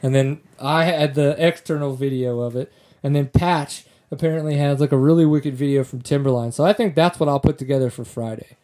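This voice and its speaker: A male podcast host talks in a loose, easygoing way and keeps circling back to restart his phrases. His voice sits a little high for a man, and laughter keeps slipping into the chat. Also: fairly quick, warm tone.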